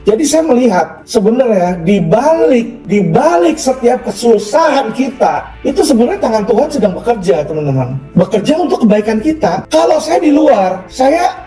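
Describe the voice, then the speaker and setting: A man with a notably high voice tells his own story in an earnest, sermon-like way, often addressing his listeners directly. He sounds a little distant from the microphone, and the room adds a clear echo. Soft music plays faintly underneath. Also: sing-song, moderate pace, hardly any pauses. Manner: emphatic, preachy, peppers talk with asides to listeners. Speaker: lawyer.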